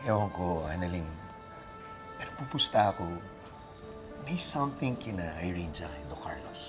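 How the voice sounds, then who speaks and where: Gossipy caring family man, Filipino accent, lowish voice, very animated, TV drama. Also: moderate pace. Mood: conspiratorial. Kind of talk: TV drama dialogue. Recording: music behind dialogue.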